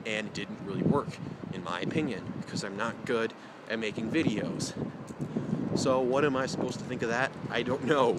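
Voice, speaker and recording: A young man vlogging outdoors in cold wind, rambling in a hesitant, self-deprecating way with many fillers. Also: mid-range voice. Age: young adult. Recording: loud wind noise on the mic. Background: heavy wind noise.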